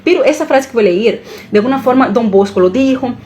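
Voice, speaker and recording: Animated woman on a live stream. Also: on the high side, brisk, slight background noise. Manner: animated, mixes Portuguese and Spanish, emotional.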